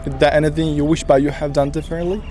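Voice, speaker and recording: A man's voice: a little high, level tone, very fast, music in the background. A man interviewing people on a street, asking short questions in non-native phrasing.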